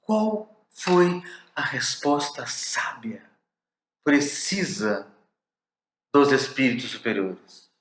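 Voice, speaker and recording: Brazilian guy doing a spiritist lecture, slow, lots of pauses, voice drops soft, echoey room. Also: medium pitch, big pitch swings. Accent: Brazilian Portuguese.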